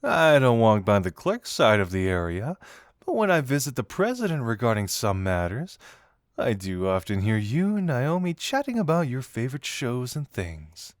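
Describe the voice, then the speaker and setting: Man acting Dazai, a teasing, lively flirt. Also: medium pitch, dry recording, clean studio sound, natural voice. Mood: coy, confiding. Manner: teasing, theatrical, drawn-out words. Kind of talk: intimate roleplay audio acting.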